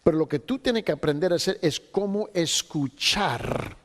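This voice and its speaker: A man's voice: a little high, expressive, moderate pace, a little hiss or hum. A man teaching a theology class to pastors, telling a story with acted-out dialogue and slipping in English words. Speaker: theology instructor. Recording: long hall reverb.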